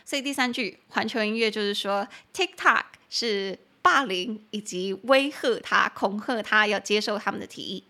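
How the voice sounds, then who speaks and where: A young woman hosting a podcast lesson, explaining English phrases in chatty Mandarin and spelling words out slowly. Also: mid-range voice, sharp tone. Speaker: English teacher and podcast host. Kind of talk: bilingual language lesson.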